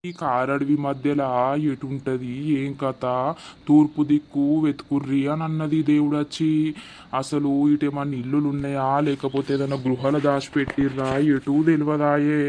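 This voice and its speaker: A performer voices a heartbroken village husband in a Telangana Telugu accent, combing the woods for his missing wife. His lament runs at a mid pitch in a narrow, flat tone, with repeated pleading and crying out. This is a homemade cartoon dub. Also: normal speed, a little hiss or hum, lightly acted. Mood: worried. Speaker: lead character. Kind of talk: cartoon voice acting.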